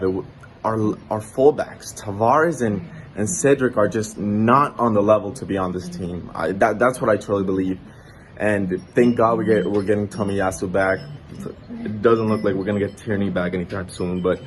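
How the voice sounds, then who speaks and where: A man from Brazil with a low voice, talking casually as a football fan in a self-recorded clip. There is faint background noise around him. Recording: background noise, ambient sound.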